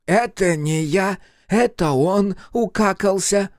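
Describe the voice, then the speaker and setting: A small, simple-minded chirping creature, boasting in a very high, lilting voice. It drawls its words out slowly. The storybook sound is dry and close to the mic. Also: male voice, dry recording. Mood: boastful. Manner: slow and boastful.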